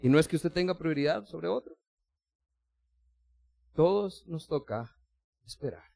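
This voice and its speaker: A man's voice: fairly high pitch, lively intonation, a little slow, creaky, a little mellow, dry recording. Conversational male preacher, dry close sound. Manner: conversational preaching that acts out little everyday scenes; addresses listeners directly and formally. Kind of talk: sermon.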